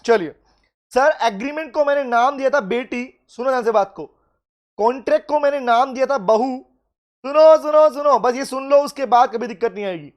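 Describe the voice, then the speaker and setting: A man teaching law in a live online class. He mixes English legal phrases into his talk and urges students by name to reply quickly. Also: extremely high pitch. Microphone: video call.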